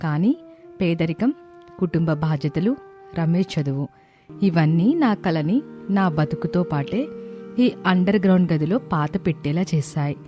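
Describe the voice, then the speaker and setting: A woman voicing an older mother-in-law whose diary words come out slow and heartfelt in an animated family story. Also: lowish voice, faint music behind. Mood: wistful.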